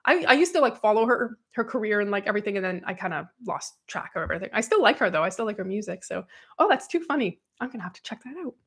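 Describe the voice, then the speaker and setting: A woman's voice: mid-range voice, fast talker, slightly rough. Chatty woman podcast host. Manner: chatty and animated, laughs often. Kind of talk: casual chat, reading viewer comments aloud.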